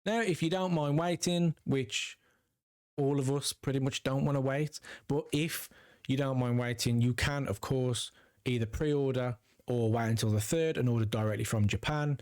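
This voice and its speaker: A man's voice: medium pitch, normal speed, a little mellow, no room sound, clean studio sound. A man hosting a card-collecting channel, talking casually and upbeat straight to his viewers. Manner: chatty, upbeat, addresses viewers directly. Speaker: trading card channel host. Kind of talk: casual video commentary to viewers.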